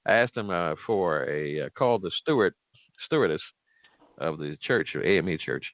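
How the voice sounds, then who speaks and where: A man's voice: sits low, animated, moderate pace, no room sound. A man hosting a casual interview in a joking, teasing way, on phone-like audio. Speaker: host, pastor and church musician. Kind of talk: casual chat. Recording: dull, narrow phone-like sound.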